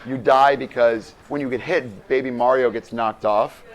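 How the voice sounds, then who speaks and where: A man's voice: medium pitch, normal speed, muffled recording. A man co-hosting a live game stream, chatting casually and rambling with lots of filler words. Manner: rambling, animated, many "like" fillers. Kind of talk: casual chat while playing a game.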